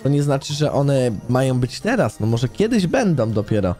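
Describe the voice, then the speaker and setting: A young man with a warm, mellow voice bantering during a game, his pitch swinging lively as he teases and drops hints. Faint music plays behind him. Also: moderate pace. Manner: playful teasing, gives hints. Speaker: gaming YouTuber co-host. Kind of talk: casual gameplay banter.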